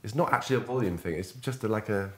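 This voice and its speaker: A man giving a one-on-one music masterclass, animated and searching for words as he coaches, often restarting his phrases. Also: lowish voice, fast talker.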